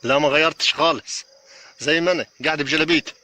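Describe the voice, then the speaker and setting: A man's voice: on the high side, fairly even intonation, very fast, pushed and bright. A man playing an exasperated, teasing stoner pal in an Egyptian comedy sketch, with repetitive, colloquial stoner talk. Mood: insistent. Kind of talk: comic sketch acting. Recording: faint noise with insect ambience.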